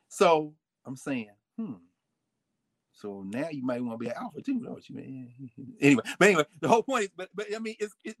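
A man talks in a casual, emphatic way, often slipping into the voices of people he quotes. His voice is husky and sits a little high, with lively swings in pitch. The sound is dry and close. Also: no echo. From United States. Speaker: guest speaking on fraternities and history. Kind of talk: casual storytelling conversation.

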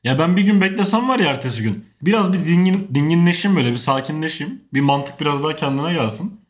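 A man's voice: fairly high pitch, animated, fast. A man chatting casually as a podcast host, giving his frank opinion among friends. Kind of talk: casual chat.

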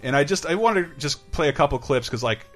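A man's voice: on the high side, animated, quick pace, soft background music. Enthusiastic, swearing male podcast host. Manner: rambling, enthusiastic, swears a lot. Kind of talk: casual chat.

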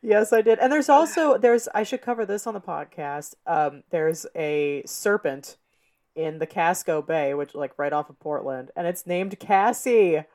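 A young American woman chatting on a podcast in a relaxed, lively way. Her voice sits a little low, and she laughs easily and swears casually. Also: measured pace. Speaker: podcast co-host.

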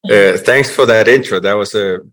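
A man in his forties from Denmark with a Danish accent, a guest telling his life story in a relaxed interview, with many pauses and restarts. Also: fairly low pitch. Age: 40s. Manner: frequent fillers and restarts, reflective.

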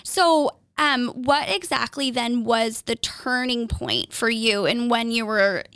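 A woman's voice: on the high side, expressive, slow, a bit bright, clear, resonant tone, dry recording. A woman hosting a casual interview podcast, encouraging her guest with frequent affirmations and questions. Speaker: podcast host.

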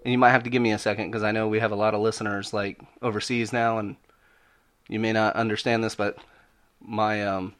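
A man's voice: on the low side, little pitch movement, a little fast, fairly bright tone. Emphatic American man hosting a podcast. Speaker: podcast host.

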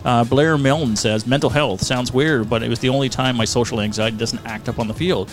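A man's voice: mid-range voice, fairly quick, faint music behind. A man co-hosting a casual podcast, joking and reading out listener comments. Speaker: podcast co-host. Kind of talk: casual chat.

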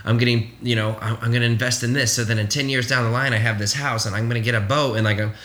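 A man's voice: mid-range voice, fairly even intonation, fast talker, a bit bright. A man in his late twenties, co-hosting a casual podcast chat, rambling candidly and swearing freely. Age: 20s. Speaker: podcast co-host.

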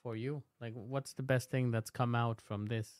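Male podcast host, mid-pitched, dry studio-close sound, casual and encouraging interviewer. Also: fairly even intonation, moderate pace, no room sound. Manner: reassuring, encouraging.

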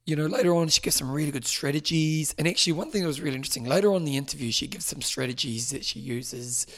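A man hosting a podcast, chatting casually and rambling a little, slightly hoarse from losing his voice. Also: a little high, fast, a bit bright. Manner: rambling, chatty, self-correcting. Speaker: podcast host. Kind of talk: casual podcast intro and interview.

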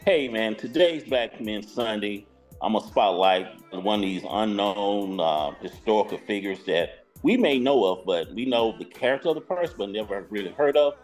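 Co-host, man, lively pitch, animated rambling storyteller. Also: moderate pace, faint music behind, poor audio. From Huntsville, Alabama. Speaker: regular co-host. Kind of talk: casual podcast chat.

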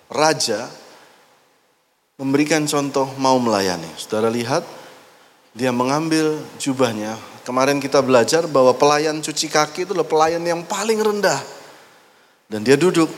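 A male pastor preaching a sermon, lively and playful as he narrates a skit and acts out people's reactions. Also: medium pitch. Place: church hall. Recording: echoey hall with faint noise.

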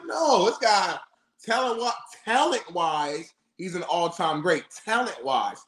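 A man's voice: high voice, a bit bright. A man co-hosting casual sports talk, making emphatic points with rhetorical questions in an echoing, roomy recording. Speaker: sports talk show co-host.

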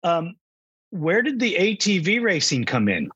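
A man hosting an interview podcast, asking questions in a friendly, relaxed way with fillers. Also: sits high, a little slow, breathy edge, no room sound, lo-fi sound. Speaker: podcast host. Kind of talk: casual interview.

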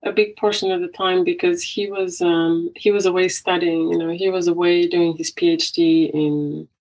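A woman's voice: on the low side, little pitch movement, moderate pace, rough recording. A woman from Angola, a psychotherapist, speaking as an interview guest in a reflective way, with restarts along the way. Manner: reflective, with frequent restarts and soft laughs. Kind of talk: conversational interview.

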